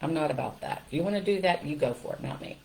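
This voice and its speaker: An older woman giving parenting advice in a direct, lively way, often checking in with "okay?" and "right?". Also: low-pitched, fast talker, vocal fry, a little hiss or hum, low-quality recording. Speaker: parenting coach.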